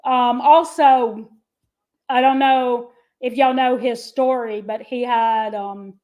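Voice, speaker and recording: A woman co-hosts a livestream in relaxed chat. Her voice sits a little high, and she laughs often and reads viewer comments aloud. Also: slow pace, low-quality recording. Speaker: livestream co-host. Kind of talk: casual chat.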